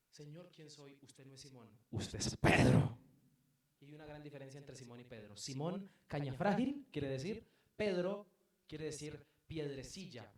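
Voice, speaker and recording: Echoey Colombian pastor preaching. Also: male voice, fairly high pitch. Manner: emphatic preaching with rhetorical questions, swinging between loud and soft. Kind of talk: sermon. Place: church hall. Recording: very echoey room, mic at a distance.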